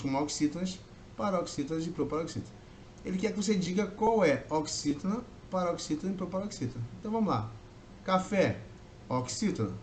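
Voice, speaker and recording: Male teacher from Brazil, exam-prep grammar lesson, slightly high voice, stretches key words, faint hiss. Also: a little mellow. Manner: explains step by step, stretches key words slowly. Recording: faint background noise.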